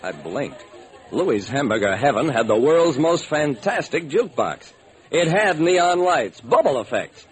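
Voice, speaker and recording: A shrewd, wry private eye narrates his own case in an old-time radio drama, voiced by a man whose pitch runs on the high side with big swings. The storytelling is brisk and wry, and the old recording carries slight noise.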